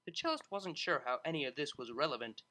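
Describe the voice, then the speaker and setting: Reading scripted fiction at a quick pace, this expressive narrator has a crisp, bright tone. Pitch stays mid-range but shifts constantly, giving the story an animated feel.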